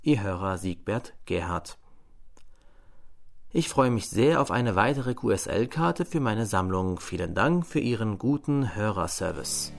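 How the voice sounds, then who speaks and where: A man reading listener letters and a story on air as a radio presenter, in a measured, formal way. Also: lowish voice, expressive, gravelly.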